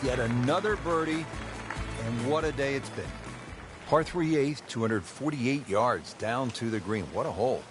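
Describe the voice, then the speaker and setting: A man gives polished play-by-play golf commentary in a mid-range voice with lively intonation at a moderate pace. Music and crowd ambience play behind his voice.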